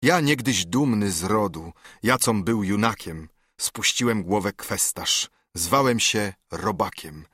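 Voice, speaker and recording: A man voicing a dying older monk, once a proud nobleman, giving a grave, measured confession in a verse audiobook reading. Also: on the low side, lively intonation, fairly bright tone, breathy edge, dry recording, clean studio sound, heavily acted. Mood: confessing.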